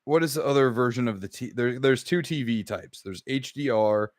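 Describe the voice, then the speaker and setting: A man's voice: medium pitch, moderate pace, no room sound, clean studio sound. A man co-hosting a gaming podcast, chatting casually, rambling and reading out chat comments with the odd swear word. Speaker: podcast co-host.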